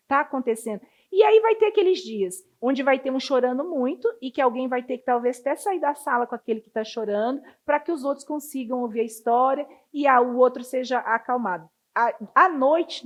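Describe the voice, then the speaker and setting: A woman giving a casual training talk to children's ministry volunteers, chatty and full of anecdotes. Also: high-pitched. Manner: chatty, storytelling, acts out children's voices.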